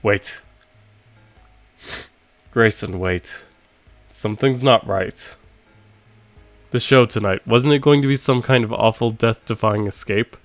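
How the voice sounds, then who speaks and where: A man's voice: lowish voice, slow pace, pauses often, dry recording, faint music behind, pitched below the performer's own voice. A man voicing a cautious, protective male thief in a game, worried and urging his partner. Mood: wary.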